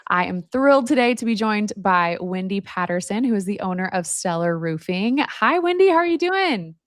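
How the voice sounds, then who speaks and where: Female podcast host, conversational interviewer, mid-pitched voice, very dry sound. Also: animated, moderate pace, no echo. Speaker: podcast and live stream host.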